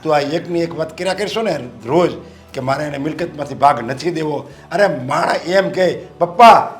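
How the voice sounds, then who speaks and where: A man playing a stern older father with a hoarse voice who scolds his son and insists the property is his to give. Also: a little high, normal speed, lightly acted. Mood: scolding. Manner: authoritative, scolding. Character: firm, proud elderly father, owner of the property. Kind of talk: Gujarati short film acting.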